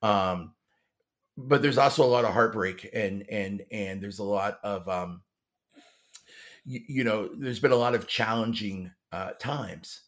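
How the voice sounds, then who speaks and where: A man's voice: fairly low pitch, a little slow, a bit bright. A man hosting a faith-based interview podcast, asking questions in a rambling way, often searching for words. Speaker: podcast host.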